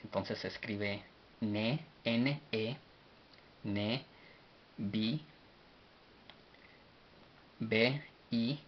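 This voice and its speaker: Man, low voice, very slow, deliberate letter-by-letter teaching; dull lo-fi recording with faint hiss. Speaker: language teacher. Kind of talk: slow spelled-out language lesson.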